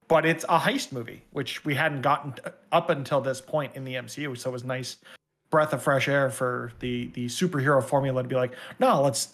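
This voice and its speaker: A man co-hosts a podcast with a chatty, enthusiastic way of telling stories. He speaks at an everyday pitch in a relaxed, casual chat. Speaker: podcast co-host.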